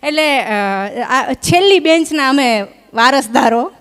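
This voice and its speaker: A woman's voice: high voice, measured pace, a bit bright. A young woman comedian, doing live stand-up at a microphone and teasing the audience in a chatty way. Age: young adult. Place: live stage at an event hall. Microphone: stage microphone.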